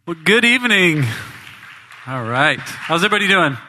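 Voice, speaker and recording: A young gospel band member from Indiana, in the US Midwest, gives his testimony from a church stage, chatting and joking with the audience. His voice is a little high, pushed and bright, with big pitch swings and a moderate pace. There is slight background noise.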